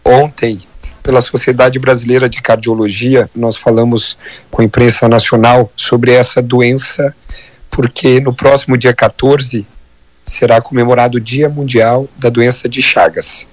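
Hoarse Brazilian man explaining, dry sound. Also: medium pitch, flat delivery, unhurried, dry recording. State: hoarse from viral laryngitis. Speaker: doctor and health columnist. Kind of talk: live radio health column, explanatory.

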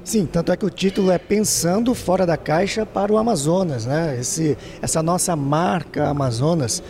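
A man's voice: a little high, moderate pace, a little mellow, a little hiss or hum. A man hosting a panel discussion, formally introducing a guest and posing a question. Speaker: host, moderator.

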